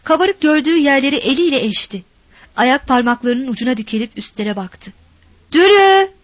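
A woman reading a novel aloud as narrator, in a steady storytelling manner. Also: high voice, fairly quick, no echo.

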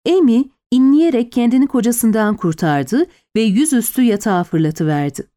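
A woman reading a historical novel aloud in the first person, dramatic and expressive. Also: on the high side. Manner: expressive, lively storytelling. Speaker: audiobook narrator.

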